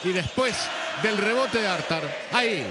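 A man's voice: high voice, expressive, unhurried. A man giving football analysis as a co-commentator. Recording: very noisy stadium crowd. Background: loud crowd and stadium noise.

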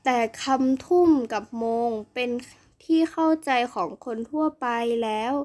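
A woman voicing a proud schoolboy who explains to his classmates slowly and deliberately, like a grown-up. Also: high-pitched, a little mellow. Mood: explaining. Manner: slow, measured, grown-up delivery.

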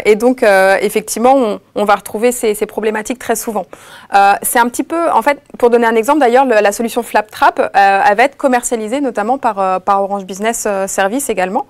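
A woman on a webinar panel, explaining steadily with many fillers and restarts. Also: fairly high pitch. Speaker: expert panelist.

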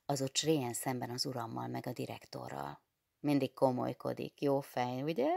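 Csacsogó, évődő fiatalasszony egy hangoskönyvből, akit egy felolvasó nő szólaltat meg. Nagyon mély, recsegő női hangon áradozik és ugrat. Száraz, visszhangtalan felvétel. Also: female voice, very deep voice, fairly even intonation, vocal fry, warm tone, no echo, studio quality, exaggerated voice. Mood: cheerful gossip. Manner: gushing, teasing matchmaker chatter. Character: chatty, gossipy young married woman.

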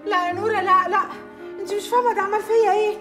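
A jealous Egyptian bride. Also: female voice, very high voice, steady tone. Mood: tearful. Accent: Egyptian Arabic. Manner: quick, emotional, sharp-tongued. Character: jealous, hot-tempered young newlywed bride. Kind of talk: film drama acting. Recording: film soundtrack music behind.

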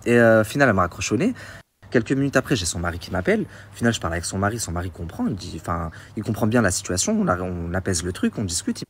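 A man's voice: low-pitched, sing-song, racing, slight background noise. A man indignantly retelling a dispute in a casual phone story, recorded on a phone. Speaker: storyteller in a social media story.

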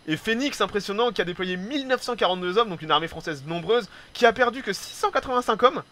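A man casually commentating a strategy game replay, excitable, swearing freely and tagging his sentences with little filler words. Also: high voice, quick pace. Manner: excitable, swears casually, peppers speech with "hein"; hesitant restarts and repeated words.

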